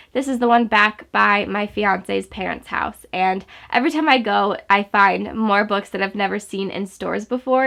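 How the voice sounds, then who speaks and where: Her voice is creaky, medium in pitch and fairly bright. Sitting by the bookshelves in a room at home, this young woman presents a casual book haul vlog, a little stuffy from a sore throat yet gushing and enthusiastic, chatting along with lots of fillers.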